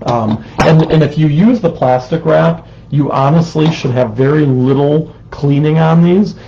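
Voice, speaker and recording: Gravelly-voiced man teaching ceramics. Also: fairly high pitch, a little slow, highs cut off, noisy background. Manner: chatty, explanatory, says um often. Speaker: ceramics instructor. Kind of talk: live-streamed craft demonstration. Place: indoor studio with a fan running. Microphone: desk microphone, sitting close.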